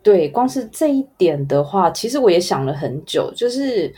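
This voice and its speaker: Low-voiced Taiwanese woman, casual and rambling. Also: sing-song, moderate pace, dark tone, slightly rough. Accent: Taiwanese Mandarin. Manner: rambling, informal, trailing list phrases. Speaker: guest, advertising photographer. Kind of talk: casual interview answers.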